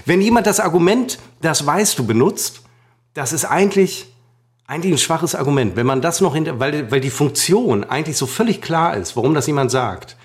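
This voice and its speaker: A man's voice: fairly high pitch, animated, brisk. A man co-hosting a podcast in casual banter, teasing his partner with mock outrage and repeating phrases for effect. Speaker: podcast co-host.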